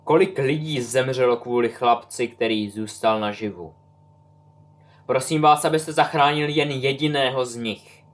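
A man's voice: medium pitch, close to an everyday voice. A man voicing an old wizard, a bitter grieving father pleading insistently.

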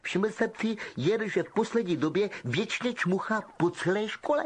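A man's voice: high voice, husky, voice pushed up. A male audiobook reader voicing an arrogant schoolboy with a drawling, mocking manner. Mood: sneering.

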